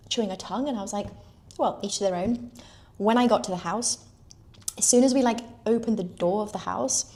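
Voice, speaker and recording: Chatty young British woman telling a story. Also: mid-range voice. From United Kingdom. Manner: chatty, lots of "like", animated retelling. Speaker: equestrian telling her story. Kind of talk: personal storytelling.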